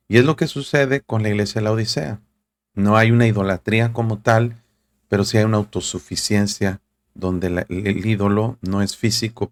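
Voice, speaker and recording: A male pastor preaching earnestly in a low, gravelly voice. He calls his listeners brother and reads scripture aloud between his points. The sound is dry and close. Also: dry recording. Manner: reads scripture aloud, searches for verses mid-talk. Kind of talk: sermon.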